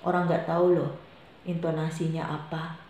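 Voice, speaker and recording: A woman's voice: deep voice, flat delivery, normal speed, a little mellow. Firm teacher woman in echoey room. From Indonesia. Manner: firm, admonishing, repeats reminders. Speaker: homeroom teacher. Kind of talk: classroom briefing to students. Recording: very echoey room with faint noise.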